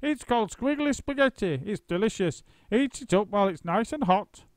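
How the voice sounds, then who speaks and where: A man voicing a spiteful, nasty old woman with a high, screechy, cackling voice. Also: expressive, normal speed, no room sound. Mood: sly sweet.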